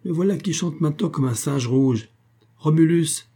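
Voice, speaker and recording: Brief: a man doing a gruff, bullying jailer in an audiobook, shouting raised and harsh. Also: a little high, animated, a little fast, pitched above the performer's own voice. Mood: snarling, bellowing. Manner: barking, threatening shouts. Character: brutal bullying male prison guard, gruff and cruel.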